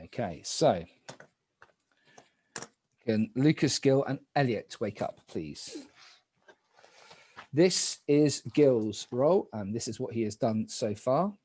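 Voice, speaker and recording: A man casually moderates a game, giving players their instructions. His husky voice takes its time, and his pitch rises and falls widely from phrase to phrase. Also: big pitch swings, slow pace, long pauses, mellow, no echo.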